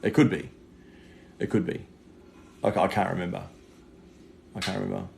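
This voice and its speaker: A man's voice: low-pitched, flat delivery, normal speed, a little mellow. A man chatting casually on a livestream as a psychic medium, matey and sweary with plenty of slang. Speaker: psychic medium giving live readings. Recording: clear background noise.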